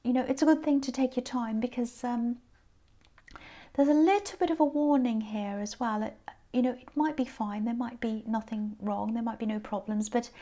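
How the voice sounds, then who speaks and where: Tired lady doing a chatty tarot reading, voice kinda high and croaky, gently talks things through. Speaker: tarot reader. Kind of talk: casual tarot card reading.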